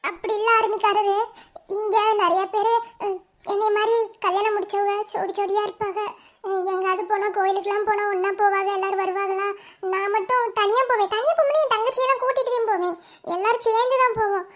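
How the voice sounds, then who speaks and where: Very high-pitched young wife, Madurai Tamil. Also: female voice, steady tone, fast. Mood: wistful. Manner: sweet, childlike, teasing. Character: young village wife, childlike and affectionate. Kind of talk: cartoon voice acting.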